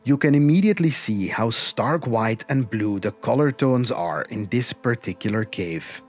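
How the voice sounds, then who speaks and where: A man narrating an expedition documentary in a measured, reflective and earnest way, as its host. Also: mid-range voice, expressive. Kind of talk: scripted documentary-style narration. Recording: music behind the voice. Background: music.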